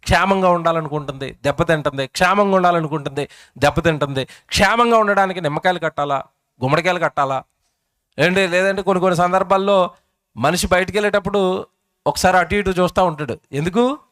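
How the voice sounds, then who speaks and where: A man's voice: high-pitched, fast, a bit bright, dry recording, studio quality. A middle-aged man preaching a sermon, questioning his congregation and acting out what people say. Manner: asks the congregation rhetorical questions; acts out quoted speech in varied voices.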